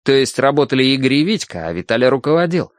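A man narrating a storybook in an expressive storytelling manner. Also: medium pitch, fast, dry recording, studio quality. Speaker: audiobook narrator.

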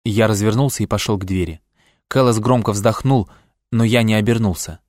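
A man reading a first-person novel aloud in a calm, reflective, melancholy manner. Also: lowish voice, brisk, dry recording, clean studio sound. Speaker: audiobook narrator. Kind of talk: first-person literary narration.

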